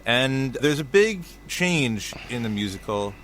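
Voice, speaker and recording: A man's voice: mid-range voice, very animated, takes it slowly, fairly bright tone, slight background noise. A man co-hosting a podcast, telling a film story in casual chat and laughing often. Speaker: podcast co-host.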